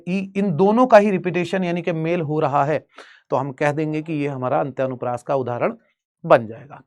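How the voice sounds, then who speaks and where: Man, Bihari accent, high-pitched, exam-prep teacher, step-by-step explaining. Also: darkish tone. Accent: Bihari Hindi. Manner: explains step by step, asks students rhetorical questions. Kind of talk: exam-prep grammar lesson.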